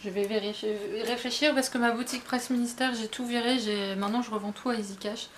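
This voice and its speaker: A woman's voice: a little high, fairly even intonation, fairly quick, a little hiss or hum. A young woman chatting casually to camera while unboxing a book box at home, with lots of fillers and restarts. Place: at home, indoors.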